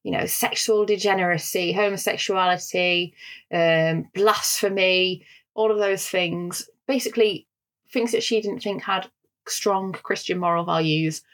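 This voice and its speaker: A woman's voice: fairly low pitch, fairly even intonation, measured pace, fairly bright tone. A woman with a Northern English accent, co-hosting a film podcast and explaining history in an articulate way with frequent fillers. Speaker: podcast co-host.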